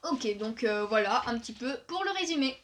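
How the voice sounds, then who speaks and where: A woman's voice: on the high side, expressive, fairly quick, fairly bright tone. A young woman chatting casually on her video channel, full of fillers, reading book summaries aloud. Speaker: manga YouTuber. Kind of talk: casual video chat reviewing new releases.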